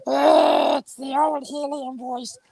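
A woman mimicking a silly helium voice, high and squeaky. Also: fairly even intonation, slow, gravelly, dark tone, heavily acted. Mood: playful.

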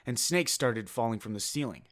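A man's voice: medium pitch, lively intonation, moderate pace, a bit bright, lightly acted. An actor playing a caller, a young movie theater worker, telling his story plainly and a bit hesitantly. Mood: earnest. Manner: plain, matter-of-fact, hesitant.

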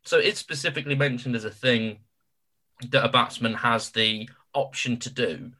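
Bright-voiced wry podcast co-host. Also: male voice, mid-range voice, normal speed. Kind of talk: casual podcast chat.

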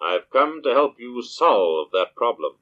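An actor playing a stern, all-knowing unseen avenger in a vintage radio drama, slow and commanding, through a filtered voice. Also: male voice, mid-range voice, big pitch swings. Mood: ominous. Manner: slow, ominous, commanding pronouncements. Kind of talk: 1940s radio acting. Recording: dull lo-fi old radio recording.

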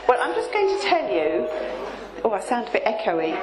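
A woman's voice: on the high side, big pitch swings, normal speed, music in the background. A woman giving a sermon as a guest preacher in a church hall, chatty and asking the congregation questions, her voice carrying an echo through the hall speakers. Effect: echoey sound from the hall speakers.

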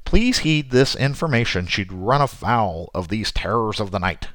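A man playing a raspy, lively radio host. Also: fairly low pitch, normal speed, no room sound. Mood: showy. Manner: showy, dramatic announcer delivery. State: recovering from a cold. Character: cheerful male wasteland radio host, theatrical. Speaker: radio broadcaster. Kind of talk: radio drama monologue.

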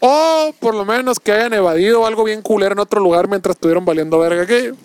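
A man's voice: high voice, quick pace, smooth, dry recording. A man with a Mexican accent co-hosting a casual chat, musing in a wry, jokey way. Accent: Mexican Spanish. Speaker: podcast co-host.

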